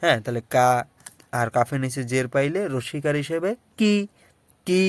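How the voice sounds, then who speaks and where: Male Arabic teacher, mid pitch, patient drilling, dry close sound. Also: no room sound. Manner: slow, repetitive drilling of sounds. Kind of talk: alphabet lesson.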